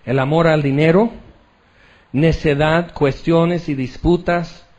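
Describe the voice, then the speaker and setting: A male pastor delivers a sermon full of stories and playful acted-out moments. His voice sits high for a man, and he shifts freely between teaching and storytelling. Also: takes it slowly, muffled recording. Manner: animated storytelling with acted-out asides.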